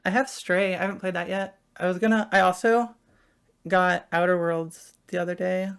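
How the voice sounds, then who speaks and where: A woman's voice: on the low side, fairly even intonation, normal speed, gravelly, clear, resonant tone. A young woman live-streaming from home, rambling chattily to her viewers while she fiddles with something. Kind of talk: casual live-stream chat.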